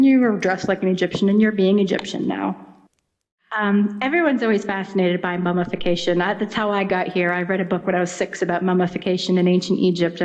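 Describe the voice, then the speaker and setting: Speaking as an expert guest, this woman is an Egyptologist who keeps her explanations conversational and slips in small acted-out imagined quotes. Her voice is mid-range and a little mellow, captured on dull, lo-fi audio.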